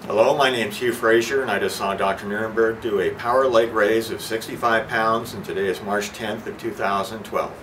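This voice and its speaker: Man reading off a quick witness statement, low-ish voice, faint noise behind. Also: fairly even intonation, a bit bright, distant mic, poor audio.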